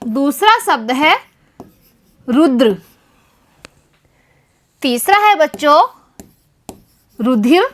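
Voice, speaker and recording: A woman from Rajasthan, India, gives a primary school Hindi lesson to young children, addressing her pupils again and again. She stresses each syllable slowly and deliberately, her high-pitched voice swinging widely in pitch.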